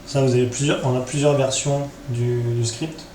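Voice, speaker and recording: Improvising through a casual screen tutorial, the host thinks aloud and keeps using tag questions. His voice is medium-pitched and darkish with little pitch movement, at a normal speed, and the room sounds echoey with faint background noise.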